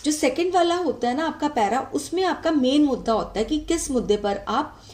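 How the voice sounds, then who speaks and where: A woman's voice: high-pitched, lively intonation, fairly quick, a little mellow. A woman teacher patiently explaining a letter format step by step, often checking in with the listener. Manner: patient, frequent "ठीक है" check-ins.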